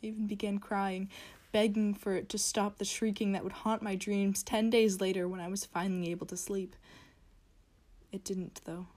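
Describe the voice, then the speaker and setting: A woman reading a horror story as a frightened diary writer, in a hushed, whispering narration. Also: mid-range voice, flat delivery, normal speed, lightly acted. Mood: fearful. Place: closet.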